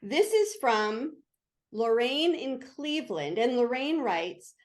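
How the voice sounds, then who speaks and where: A woman's voice: a little high, very animated, takes it slowly. A woman hosting an interview show, speaking in an encouraging, reassuring way to parents and her guest. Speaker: show host.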